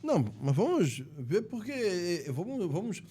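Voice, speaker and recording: A man's voice: sits high, big pitch swings, measured pace, dark tone, slightly rough. A Brazilian man hosting a casual podcast, chatting and agreeing often with his guest. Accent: Brazilian Portuguese. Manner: chatty, agreeable, with frequent filler affirmations. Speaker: podcast host.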